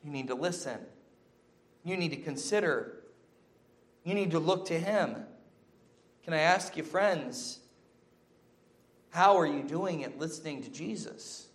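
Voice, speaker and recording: A man's voice: fairly high pitch, unhurried, long pauses. A man preaching a sermon, exhorting emphatically with repeated short phrases and rhetorical questions.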